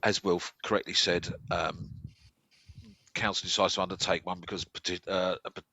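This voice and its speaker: A man's voice: deep voice, flat delivery, normal speed, bright, forceful tone. An English man speaking as a local resident, giving opinions emphatically, repeating phrases for stress, with slightly slurred, toothless articulation. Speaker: local resident on a discussion panel. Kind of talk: opinionated discussion of local affairs.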